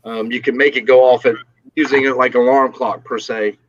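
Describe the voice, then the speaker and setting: A man explains investigation gear in a halting way, stopping often on ums. His voice sits in a middle range, and it comes through a dull, lo-fi call line that sounds dry and close. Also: mid-range voice, steady tone, no echo. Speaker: paranormal investigator. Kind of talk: casual explanation on a live stream.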